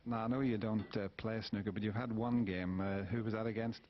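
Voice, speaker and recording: A man's voice: lowish voice, steady tone, a little fast. A man conducting a live sports interview as a television interviewer. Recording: dull 1990s TV broadcast, noisy.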